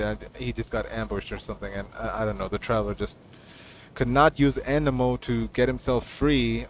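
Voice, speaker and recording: A man's voice: on the low side, slight background noise. A man streaming and chatting casually about game lore, rambling with lots of fillers and stammered restarts. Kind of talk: casual livestream chat. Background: game music.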